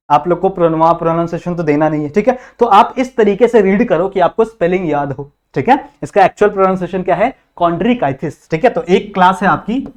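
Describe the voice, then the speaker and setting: A young man teaching a biology class, asking rhetorical questions and checking in constantly. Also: high voice. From India. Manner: repetitive, quizzing students with constant check-ins. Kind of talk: classroom lecture in Hindi-English mix.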